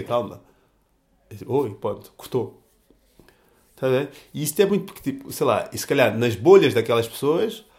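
A man's voice: on the high side, a little mellow. A young man with a European Portuguese accent, talking in a casual reflective monologue full of slang, restarts and fillers.

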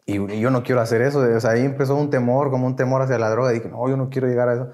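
A man's voice: medium pitch, steady tone, very fast, a little mellow. This young man speaks with a Mexican accent and a mid-range voice. He is a podcast guest, and he tells his story in slang, with real emotion. He acts out the voices of the people he is quoting as he goes. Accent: Mexican Spanish. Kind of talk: casual conversation.

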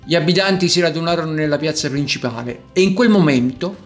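A man narrating a children's storybook in a gentle, measured way. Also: a little high, faint music behind.

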